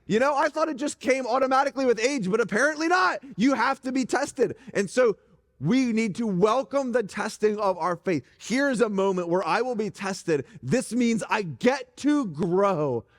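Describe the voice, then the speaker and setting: Animated pastor in a reverberant hall. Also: male voice, sits high, normal speed. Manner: animated, joking asides to the congregation. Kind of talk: conversational sermon. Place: church stage.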